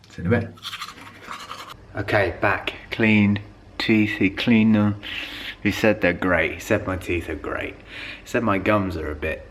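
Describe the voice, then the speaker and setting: Young man, deep voice, casual rambling vlog chat, lots of fillers. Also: a bit bright, slight background noise. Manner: rambling and chatty, with many fillers. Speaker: vlogger.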